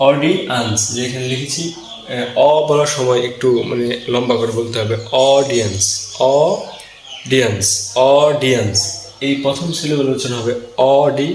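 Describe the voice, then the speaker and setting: A man giving a pronunciation lesson, speaking slowly and deliberately and repeating words syllable by syllable. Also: medium pitch. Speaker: English pronunciation teacher. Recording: echoey room with faint background hum.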